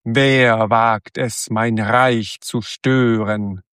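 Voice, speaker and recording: A man voicing a huge, menacing fog king who speaks slowly and coldly. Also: fairly even intonation, a bit bright, smooth, dry recording, clean studio sound. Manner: slow, booming, cold.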